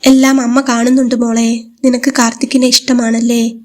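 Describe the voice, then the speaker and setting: A woman's voice: on the high side, level tone, normal speed, lightly acted. A woman voicing a middle-aged widowed mother in a spoken story, soothing yet cautioning her daughter. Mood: gentle, firm.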